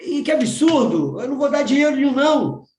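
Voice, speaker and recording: A man acting out an irritated father who complains loudly about his daughter asking for money. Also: very high-pitched, sing-song, very slow, roomy sound, a little hiss or hum, pitched above the performer's own voice, full character voice. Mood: indignant. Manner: indignant, raised voice.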